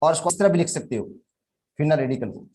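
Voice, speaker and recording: Fast and animated, with a slightly high, mellow voice, this Pakistani chemistry teacher has a Sindhi accent. He takes his class through the material step by step, calling the students "beta."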